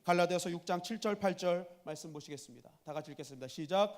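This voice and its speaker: A man preaching a sermon as a church pastor, speaking emphatically and rising to loud peaks. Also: high-pitched, fast. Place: church sanctuary.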